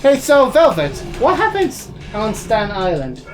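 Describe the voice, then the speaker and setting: A woman joking around during a game playthrough in casual group banter, playful and quick to tease. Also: on the high side, wildly swooping pitch. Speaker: let's play commentator. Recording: music playing behind the voice.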